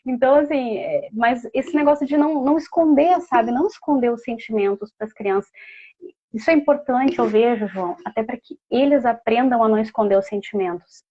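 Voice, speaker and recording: A woman's voice: on the high side, fairly quick, lo-fi sound. A mother speaking as a guest, telling a personal story in a heartfelt, casual way with many fillers.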